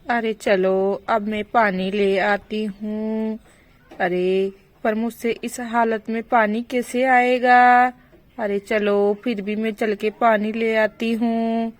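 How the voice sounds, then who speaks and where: A woman's voice: fairly high pitch, flat delivery, slow. A woman voicing a pregnant young village aunt who talks in an anxious, pleading way, in a doll story role-play. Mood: worried.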